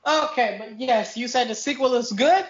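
A podcast host chats casually over a video call in a rambling, self-deprecating review conversation. His voice is very high, fairly bright, and moderately paced, heard through dull lo-fi call audio.

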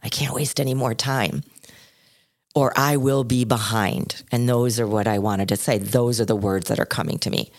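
Older woman podcast cohost, low deep voice, dry close sound, tells stories expressively. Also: normal speed, no echo. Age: 60s. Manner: expressive storyteller, swings between low and high pitch. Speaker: podcast co-host. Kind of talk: casual chat.

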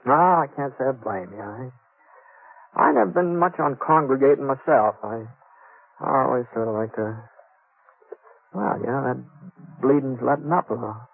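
Heard on a dull old 1950s radio recording, this man voices a modest, courteous drifter with a gun in a western drama. His medium-pitched voice has lively intonation and vocal fry, and he speaks in a hesitant, polite, halting way with a folksy drawl.

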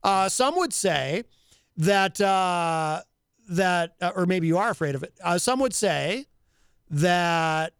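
A man hosting a casual talk show, teasing and speaking haltingly as he banters. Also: high voice, lively intonation, creaky, a bit bright, clear, resonant tone, no room sound, studio quality. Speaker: talk show host and hypnotherapist.

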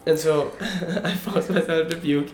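A young male podcast co-host with a slightly high voice tells stories a little slowly in casual chat. He's animated and checks in with "okay? right?"; the recording has a roomy echo and a faint background hum.

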